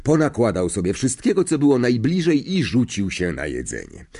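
A man narrating an audiobook in an expressive way, acting out the characters. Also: medium pitch, moderate pace, husky. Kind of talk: scripted narration.

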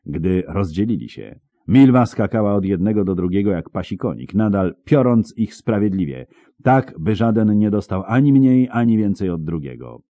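A man's voice: lowish voice, big pitch swings, moderate pace, mellow, no echo. A man narrating an audiobook in a dramatic, vivid storytelling manner, close to the mic.

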